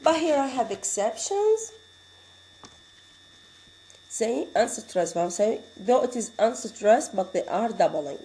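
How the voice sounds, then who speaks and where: A woman with an Arabic accent teaching English spelling rules, explaining slowly and repeating each example word. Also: fairly high pitch, sing-song, dark tone, low-quality recording. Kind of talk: classroom lecture.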